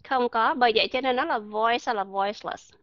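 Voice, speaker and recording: Woman, pronunciation teacher, lecturing to a class, fairly high voice, dull dry lo-fi recording. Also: brisk, dry recording. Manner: calls herself by name, quizzes the class.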